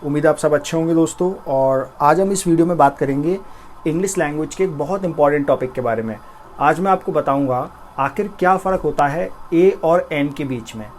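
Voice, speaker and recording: High-voiced Indian man teaching English. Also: a little hiss or hum. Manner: explanatory, repeats examples slowly. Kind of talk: spoken English lesson.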